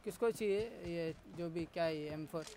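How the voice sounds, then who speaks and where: एक आदमी, live गेम stream करते हुए, साथियों को जल्दी-जल्दी निर्देश देता है।. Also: male voice, fairly high pitch, a little mellow, faint music behind. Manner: urgent rapid callouts to teammates. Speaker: streamer. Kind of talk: live gameplay squad chat.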